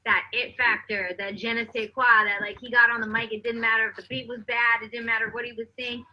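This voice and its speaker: A woman's voice: a little high, level tone, a little fast, muffled recording, slight background noise. A woman from South Africa, a rapper, chatting upbeat in a radio interview. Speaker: guest rapper.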